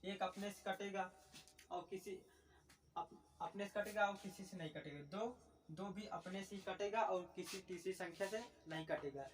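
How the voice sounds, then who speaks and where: A man teaching a maths lesson, asking questions and answering them himself, slowing down to dictate definitions. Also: sits high, far from the mic. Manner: repetitive, asks and answers his own questions; slow dictation while writing definitions.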